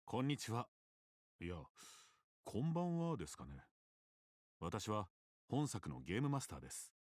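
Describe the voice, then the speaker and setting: A man voicing a calm, courteous male game master who narrates the game softly and politely, close to the ear. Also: fairly low pitch, dry recording, heavily acted. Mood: welcoming. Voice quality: soft, intimate, close to the ear. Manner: polite and measured.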